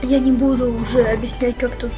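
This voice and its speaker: A woman's voice: on the high side, flat delivery, fairly quick. A woman giving casual gameplay commentary as she plays through a game. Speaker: game streamer doing a playthrough. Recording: loud game music over the voice. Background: loud game music.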